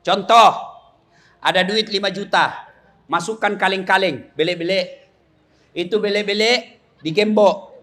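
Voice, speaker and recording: Bright, high-voiced comic preacher. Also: male voice, unhurried, pauses often. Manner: lively storytelling, shouted punchlines, laughing with the crowd. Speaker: Islamic preacher. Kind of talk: comic sermon to a large gathering.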